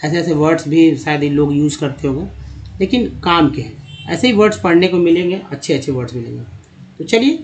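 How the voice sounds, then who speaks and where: A man's voice: on the high side, expressive, brisk. A man teaching English reading, spelling out letters and sounding out word parts patiently. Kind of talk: slide-based reading lesson. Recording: dull lo-fi recording.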